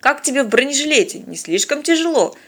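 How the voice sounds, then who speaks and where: A woman's voice: high-pitched, sing-song, normal speed, a little mellow, breathy edge, voice pushed up, exaggerated voice. A woman reading an audiobook and voicing a stern, careful male ship captain giving firm instructions. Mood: concerned.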